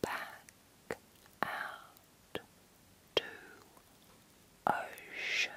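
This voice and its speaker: A woman leading an ASMR guided meditation in a whisper, with repetitive, deliberate phrasing and long pauses. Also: bright, forceful tone.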